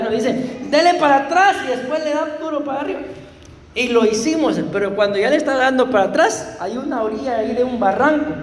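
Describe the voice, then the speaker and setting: High-voiced Costa Rican pastor preaching. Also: male voice, a little hiss or hum. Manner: storytelling, laughing, addressing congregation as beloved brothers. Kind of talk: sermon. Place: church hall. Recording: echoey church hall, faint ambience.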